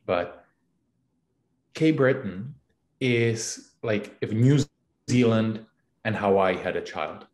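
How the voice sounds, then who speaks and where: Guy fumbling through answers with lots of uhs, lowish voice, roomy echo. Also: a little mellow. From Czech Republic. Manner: halting, many fillers and restarts. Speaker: CEO guest. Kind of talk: casual interview answers. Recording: echoey room.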